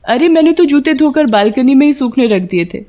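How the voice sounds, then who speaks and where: A woman voicing a chatty, plant-loving young wife who scolds her husband in an animated horror story. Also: high-pitched, fairly quick, muffled recording, pitched above the performer's own voice.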